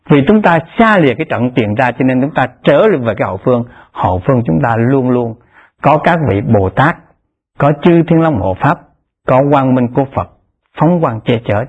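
A man delivers a Pure Land Buddhist dharma talk, husky and unhurried. He keeps a steady, repetitive teaching cadence, his voice lifting to stress key terms. The recording is thin and tinny, like a phone line. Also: mid-range voice.

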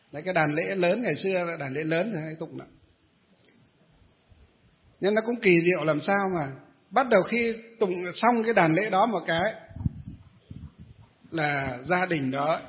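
A male Buddhist monk tells a story in a dharma talk, halting often on small fillers. His voice sits high. The sound is narrow and tinny, like a phone call. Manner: storytelling with many hesitant fillers.

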